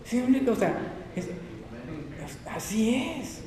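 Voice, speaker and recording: A man preaching a sermon, lively, laughing often and acting out little quotes. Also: very high-pitched, slow. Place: church hall. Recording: echoey church hall, faint noise.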